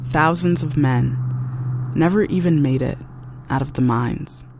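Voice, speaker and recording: A man giving scripted, measured documentary-style narration of a true story. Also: fairly high pitch, background noise. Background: music.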